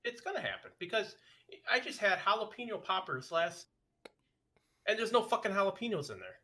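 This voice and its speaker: A man's voice: high-pitched, big pitch swings, fairly quick, bright, forceful tone, a little hiss or hum. A man chatting casually as a podcast co-host, telling a story emphatically, swearing and repeating himself. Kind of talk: casual chat.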